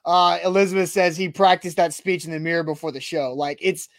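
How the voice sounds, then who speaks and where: A man's voice: fairly high pitch, steady tone, brisk, dry recording, clean studio sound. A man hosting a casual sports talk podcast, blunt and repeating himself when worked up. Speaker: podcast host.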